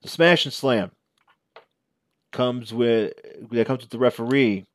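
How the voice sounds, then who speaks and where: A man in his forties giving a casual, unscripted show-and-tell commentary as a reviewer, halting and correcting himself as he goes. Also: medium pitch, no echo. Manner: halting, conversational, self-correcting. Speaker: toy reviewer. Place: small living room at home. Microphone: headset.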